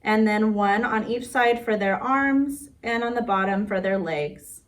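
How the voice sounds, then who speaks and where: Speaking in a mid-range voice without hurrying, a woman leads a children's story time with crafts, using simple, sing-song language. The session combines a picture-book read-aloud with a craft demo. Background noise is heavy and the mic is far off.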